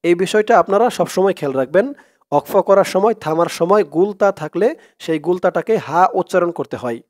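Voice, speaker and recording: A man teaching Quran reading in a slow step-by-step lesson, breaking words into syllables and then chanting them drawn out and louder. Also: high voice, animated.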